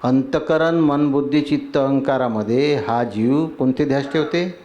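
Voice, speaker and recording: A man's voice: mid-range voice, unhurried, warm tone, lo-fi sound, a little hiss or hum. Man preaching with rhythmic lists. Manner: asks the audience for agreement; lists terms in rhythmic sequence. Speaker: spiritual teacher. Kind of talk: devotional sermon.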